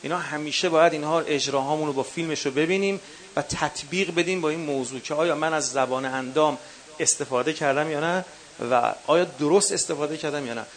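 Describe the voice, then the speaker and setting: A man with a Qom accent leads a teaching workshop and lays out his advice one numbered point at a time. His voice sits a little high for a man. He speaks to the room directly and calls his listeners dear ones. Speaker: workshop instructor for religious eulogy singers. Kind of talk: workshop lecture. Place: workshop session with a live audience.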